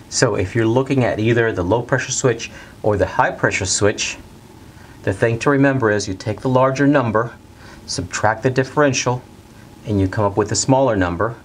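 A middle-aged man teaching a technical lesson at a whiteboard in a studio, talking plainly and steadily and repeating the key steps slowly. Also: on the low side, slight background noise. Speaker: HVAC instructor. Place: bright indoor studio at a whiteboard.

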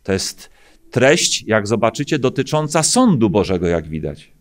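A man's voice: lowish voice, sing-song, moderate pace. A middle-aged Polish pastor delivers a sermon from a lectern microphone in a church hall. He builds earnest, emphatic rhetorical questions, broken up by frequent hesitant fillers. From Poland.

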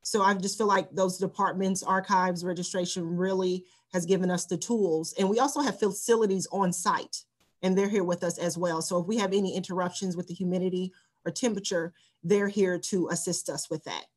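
Panelist, woman, lowish voice, plain practical delivery. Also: steady tone, brisk. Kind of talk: panel discussion. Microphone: video call.

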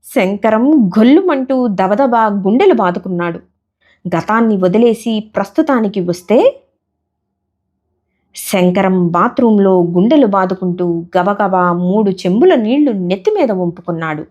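A woman narrating a comic story in a slow, expressive way. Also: medium pitch, highs cut off.

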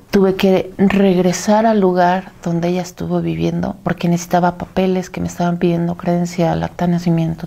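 A middle-aged woman with a Mexican accent, a bereaved mother giving a halting, tearful testimony that often sinks to a whisper. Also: lowish voice, vocal fry, warm tone. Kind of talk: personal testimony.

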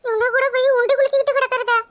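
A woman's voice: extremely high pitch, flat delivery, rapid-fire, lo-fi sound. A woman voicing a scared little schoolboy who skipped school, pleading and fretful, with a Kanyakumari Tamil accent. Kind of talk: cartoon voice acting.

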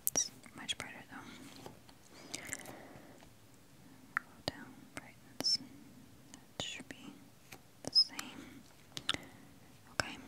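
Casting: woman for a whispered ASMR unboxing, fully unvoiced and breathy, thinking aloud gently at close mic. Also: poor audio. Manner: talks with a candy in the mouth. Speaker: ASMR video creator.

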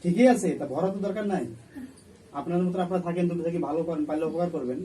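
Fast-talking insistent man, recorded from a distance. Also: fairly high pitch, mellow. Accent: Bangladeshi regional Bengali. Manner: insistent, admonishing, repetitive. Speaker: exorcist questioning a possessing jinn. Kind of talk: colloquial spoken negotiation. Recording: distant mic, faint background noise.

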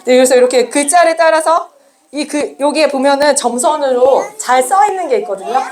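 A woman children's minister giving a sermon to small children with slides, lively and asking them questions. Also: high-pitched, a little fast, slight background noise.

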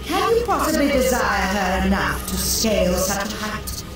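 A woman playing a coldly menacing alien captor in a video game, speaking formally and slowly. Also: mid-range voice, very animated. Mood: cold taunting. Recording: echoing, distant, music behind.

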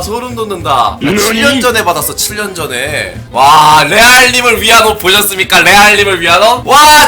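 High, lively voiced man gaming. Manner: playful, shouts excitedly while racing. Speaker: gaming streamer. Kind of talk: let's-play commentary.

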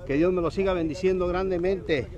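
A man's voice: sits high, fairly even intonation, fairly quick, highs cut off. A man commentating on an amateur football match in an upbeat, effusive way. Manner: effusive greetings to viewers. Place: outdoors beside a park football field. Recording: outdoor recording with faint crowd noise.

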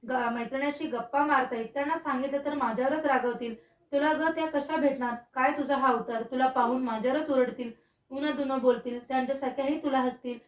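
A servant girl at a palace door, full of questions and quick to promise, as a woman narrator reads her part. The voice is high and sounds distant in a reverberant space. The recording is dull and lo-fi. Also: fairly even intonation, lightly acted. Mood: questioning. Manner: questioning, then solemn vow-making. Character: palace maid, wary then pleading.

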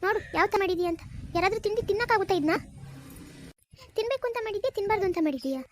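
A woman's voice: very high-pitched, expressive, very fast, slight background noise. A woman voicing a bossy mother-in-law in a cartoon, scolding and nagging.

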